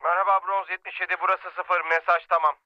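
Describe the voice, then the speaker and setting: An actor playing a steady male army radio operator, speaking over a two-way radio in clipped call procedure. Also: sits high, brisk, no echo. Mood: businesslike. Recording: dull lo-fi radio sound, dry.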